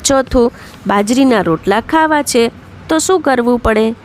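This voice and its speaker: A woman's voice: a little high, expressive, a little slow, a little mellow, slight background noise. A woman teacher, reading out workbook questions and then giving each answer. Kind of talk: slow explanatory workbook lesson.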